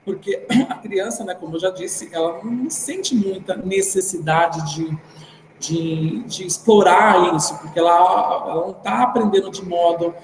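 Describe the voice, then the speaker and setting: A man with a high voice and a Brazilian Portuguese accent speaks at a moderate pace while teaching an online class. His style is informal, as if thinking aloud, and he tags his sentences with "né". The recording sounds roomy and reverberant, with faint background noise.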